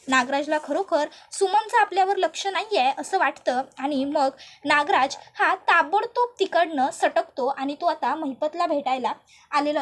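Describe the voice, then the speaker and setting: A woman tells the story of a serial episode in a brisk, lively recap. Her voice sits very high, and she moves along with a rhythmic, chatty flow. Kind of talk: casual spoken story recap.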